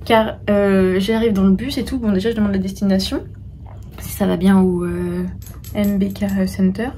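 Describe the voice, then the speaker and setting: A woman's voice: medium pitch, little pitch movement, normal speed, warm tone, slight background noise. A young woman from France chatting informally to camera on a solo trip, with plenty of hesitations. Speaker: travel vlogger. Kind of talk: casual travel vlog talk to camera. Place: outdoors and in small rooms and cafés in a busy city.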